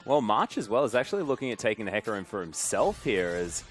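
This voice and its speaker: Lower-voiced man casting esports. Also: very animated, fast, a little hiss or hum. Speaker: esports caster. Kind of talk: esports play-by-play commentary.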